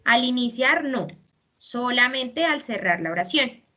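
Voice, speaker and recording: Bright-voiced woman teacher explaining patiently. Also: a little high, lively intonation, unhurried. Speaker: English teacher. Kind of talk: online class explaining grammar.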